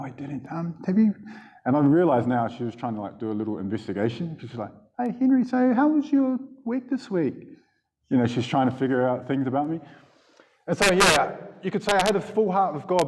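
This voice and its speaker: Before an audience in a church hall, a man with a medium-pitched voice offers a casual personal testimony to the congregation, chuckling throughout. The recording carries the long reverb of the hall.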